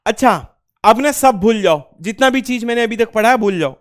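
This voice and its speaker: A man's voice: extremely high pitch, animated, fairly quick. A man teaching a class, asking students questions and answering them himself, with English phrases mixed in and key points repeated. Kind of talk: classroom lecture.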